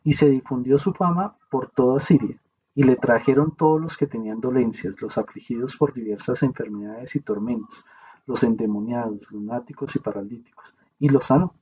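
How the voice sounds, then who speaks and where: A man reading aloud a Bible commentary in a steady, measured way, now and then correcting himself. The recording is muffled and slightly hissy. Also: medium pitch. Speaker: reader.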